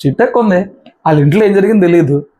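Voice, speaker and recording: Male pastor with a high voice, emphatic colloquial sermon. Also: racing, mellow. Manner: emphatic, colloquial, acts out the brothers' lines.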